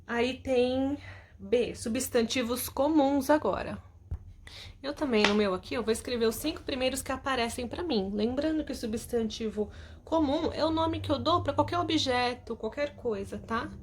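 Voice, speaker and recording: A woman teacher with a high-pitched voice, speaking at normal speed over a faint hiss or hum, records a lesson at home. She patiently goes through homework answers and keeps checking in with her students, often asking "tá?".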